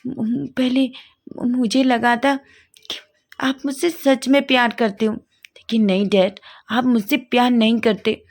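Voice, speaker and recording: A woman voicing a shaken young man in a storybook reading, his words coming out halting and stammered. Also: fairly high pitch, fairly even intonation, darkish tone. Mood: hurt.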